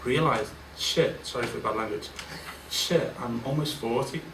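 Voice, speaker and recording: A guest speaker in his forties addresses an audience in a large event room, talking candidly and informally at a business event with plenty of fillers and restarts. His voice is medium-pitched and moderately paced. The distant mic gives a roomy sound with faint ambience and a noisy background.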